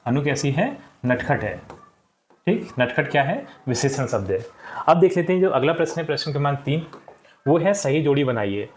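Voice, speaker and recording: Here a schoolteacher guides his young pupils through textbook exercises step by step, patient and repeating each answer. His voice is fairly high-pitched and a little mellow.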